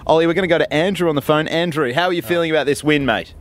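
A man's voice: a little high, very fast. A man hosting live radio, eagerly cheering on his co-host and taking calls.

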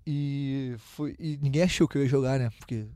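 A man's voice: medium pitch, fairly even intonation, moderate pace, dark tone, smooth, dry recording, studio quality. A young man, a footballer guest telling a personal story casually, with many restarts.

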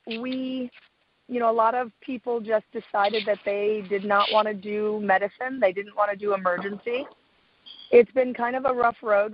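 A woman with a raspy voice from a cold and laryngitis, explaining things conversationally as a radio guest. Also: on the high side, dull audio, slight background noise. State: getting over a cold and laryngitis. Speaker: guest expert, veterinary surgeon and clinic owner.

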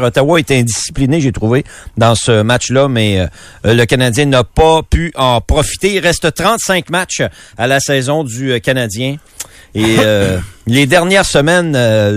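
A man's voice: medium pitch, dry recording, studio quality. A man giving the sports news on morning radio, plain and conversational. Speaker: sports reporter.

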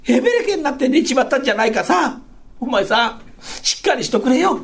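A male rakugo storyteller voicing a patient, scolding Edo working-class wife, in soft, chiding old speech. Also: extremely high pitch, big pitch swings, quick pace, gravelly, voice pushed up, heavily acted.

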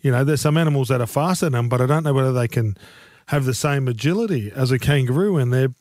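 A man's voice: medium pitch, quick pace, a little mellow, no room sound. Joking Australian man in dry close sound. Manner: larrikin, joking, slangy. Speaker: sports panellist. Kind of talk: casual anecdotal chat.

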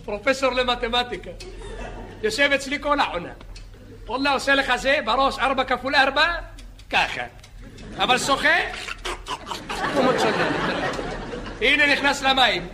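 A man playing a boastful, chatty beach lifeguard who rambles, jokes and yells at bathers in a comedy sketch. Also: very high-pitched, animated, long pauses, crowd noise. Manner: rambling, joking, shouting at bathers. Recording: live audience laughter and noise. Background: audience laughing.

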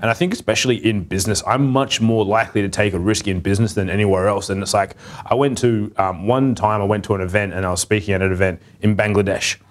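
Fast-talking man telling stories. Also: on the low side. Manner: rapid, animated storytelling with quoted asides. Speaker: podcast guest, agency founder. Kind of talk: casual storytelling interview.

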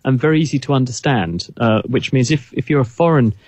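A man talks through his ideas on a chat show in a measured, explanatory way, often restarting his sentences. His voice sits at a middle pitch and is recorded close and dry, with no room sound. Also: lively intonation, a little mellow, no room sound. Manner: thoughtful, explanatory, with frequent restarts. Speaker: guest expert. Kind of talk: casual radio chat.

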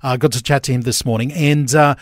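A man's voice: medium pitch, fairly even intonation, brisk, no echo, studio quality. A man with an Australian accent hosting casual radio chat, with a blokey, matey manner. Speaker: radio host. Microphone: close studio radio mic.

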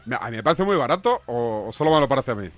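A man's voice: mid-range voice, very animated, soft background music. A man hosting a sports radio show, chatting and joking with a colleague. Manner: joking, quick banter, reads out a text-message number. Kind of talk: casual radio chat.

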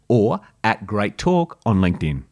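A man co-hosts a radio talk show, reading promos and banter in a playful, jokey way. His pitch swings widely and animatedly through each line. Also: big pitch swings, unhurried.

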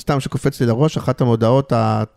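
A man's voice: medium pitch, fairly even intonation, vocal fry, a little mellow. A man talking as a guest in a casual interview, hesitant, with many fillers and restarts. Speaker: guest, advertising creative.

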